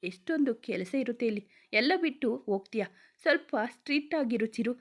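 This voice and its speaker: A woman voicing a loyal young man who is the hero's best friend, brisk and scolding yet protective, in a storybook reading. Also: a little high, expressive.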